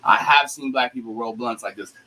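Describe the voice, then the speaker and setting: A man's voice: medium pitch, fairly quick, bright, forceful tone, low-quality recording. A man in his thirties chatting casually, telling stories with slang and mimicking people. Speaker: podcast co-host. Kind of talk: casual chat.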